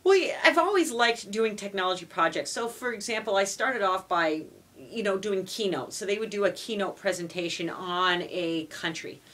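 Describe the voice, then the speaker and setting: A woman of medium pitch talks at normal speed with lively intonation and a slightly bright sound. Originally a French speaker from Montreal, Canada, she responds to interview questions as a foreign language teacher, sincere and repeatedly using "you know."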